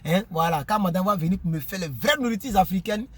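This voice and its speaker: A man casually vlogging to his subscribers, animated and preachy, often repeating words while he searches for them. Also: sits high, fast talker, slightly rough. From Ivory Coast. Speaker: YouTuber.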